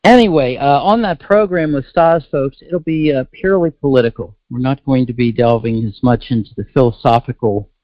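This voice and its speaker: Halting male host with a thick, swollen tongue. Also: mid-range voice, no echo, highs cut off. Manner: halting, with frequent pauses and folksy asides to listeners. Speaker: host of a political broadcast. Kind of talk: solo talk-show monologue.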